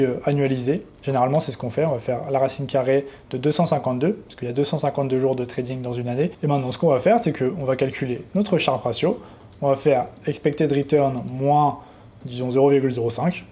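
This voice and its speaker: A man's voice: mid-range voice, fairly even intonation, a little fast, dark tone. Casual young man explaining code. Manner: casual, rambling, talks straight to the viewer. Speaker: trading educator. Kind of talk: unscripted coding tutorial.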